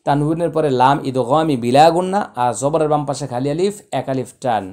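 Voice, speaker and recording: A man teaching Quran recitation, spelling out letters slowly and then chanting the words in long, drawn-out tones. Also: on the high side, a little mellow. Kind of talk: tajweed lesson.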